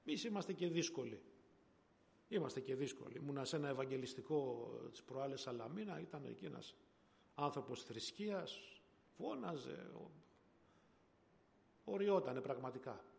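A man's voice: medium pitch, expressive, creaky, long pauses, a little mellow, a little hiss or hum. A man preaching a sermon in a conversational way that grows emphatic, in a church hall. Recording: long hall reverb.

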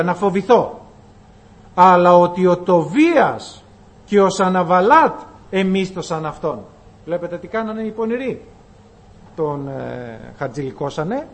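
A man preaching a sermon, retelling a Bible story with acted-out dialogue and slow readings of old scripture. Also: sits high. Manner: lively preaching, acting out quoted dialogue, reading archaic scripture slowly.

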